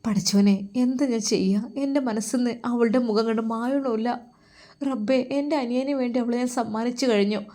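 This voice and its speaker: A woman voicing a young man who prays in hushed anguish. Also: on the high side, fairly even intonation, moderate pace, voice pushed up, close to an everyday voice. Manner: anguished, half-whispered prayer. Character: young man torn, praying in guilt.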